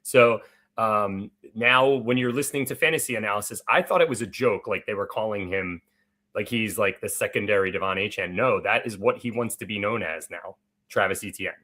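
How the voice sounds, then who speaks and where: Bright-voiced man rambling about fantasy football. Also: on the low side, a little fast. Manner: chatty, rambling, lots of filler words. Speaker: fantasy football podcast co-host. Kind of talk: casual live draft chat.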